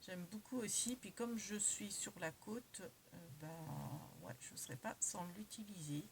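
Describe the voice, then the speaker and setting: A woman's voice: medium pitch, a little slow, vocal fry, noisy background. A woman casually showing her craft-supply purchases in a chatty, hesitant way, correcting herself often. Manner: chatty, many fillers and self-corrections. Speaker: crafting vlogger.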